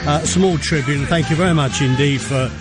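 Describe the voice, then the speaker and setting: A middle-aged man presenting a radio show in a chatty, enthusiastic way, pausing on many "uh"s. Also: on the high side, over music.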